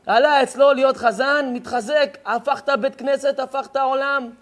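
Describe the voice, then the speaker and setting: High-voiced rabbi telling a story. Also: male voice, steady tone. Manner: emphatic, repeats words for effect. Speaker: rabbi giving a lesson. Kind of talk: lively storytelling sermon. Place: live lesson before an audience.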